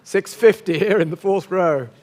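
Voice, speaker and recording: A man's voice: high-pitched, moderate pace, darkish tone. A man working as an auctioneer, calling and repeating bids in a polite, formal way as he coaxes bidders. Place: large auction sale room.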